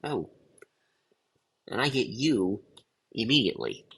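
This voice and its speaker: A man with a lowish, gravelly voice, congested and under the weather with a cough. He talks through a word puzzle casually, muttering and pausing as he thinks aloud. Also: animated, fairly bright tone. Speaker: host of a daily word puzzle video.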